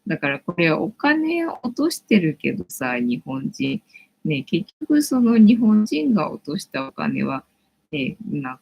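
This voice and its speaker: Husky, gravelly woman rambling on a stream. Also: fairly low pitch, poor audio. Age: 40s. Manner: rambling, thinking aloud with many fillers. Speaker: live-stream host. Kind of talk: casual late-night chat stream.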